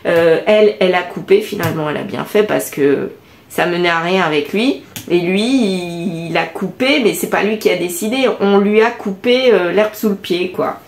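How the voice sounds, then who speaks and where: A woman with a French accent doing a casual oracle card reading, musing aloud and pausing often with fillers. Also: on the low side, echoey room. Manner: musing, hesitant, many fillers. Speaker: card reader.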